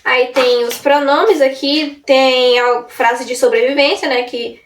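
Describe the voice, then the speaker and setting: High-voiced young woman, chatty and rambling. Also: fairly even intonation, takes it slowly. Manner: rambling, self-interrupting, chatty. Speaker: vlogger. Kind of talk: casual chat to camera. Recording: roomy sound from a distance off the mic.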